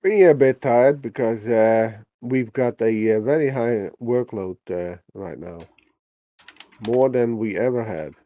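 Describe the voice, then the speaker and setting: Guy talking slow and halting, low mellow voice. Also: dull audio. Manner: halting, brief.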